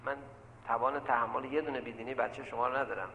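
A man's voice: mid-range voice, dull audio, a little hiss or hum. A man preaching a sermon from a pulpit, telling stories and turning to his listeners again and again, repeating phrases for emphasis. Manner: animated, often addresses the listeners directly as "sir". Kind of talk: sermon with storytelling. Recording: echoey hall with long reverb.

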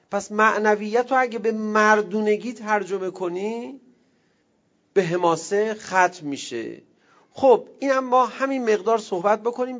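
A man giving a religious talk, telling a story with animated, emphatic delivery that swells to forceful peaks. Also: sits high. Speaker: preacher. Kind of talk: religious lecture. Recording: dull lo-fi sound.

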